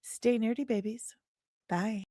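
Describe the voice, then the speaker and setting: Her voice is a little high and dark in tone, steady and slow, recorded in studio quality without room sound. This woman, a podcast host and indie comic creator, wraps up a livestream with a casual, playful promo, chatting directly to her listeners.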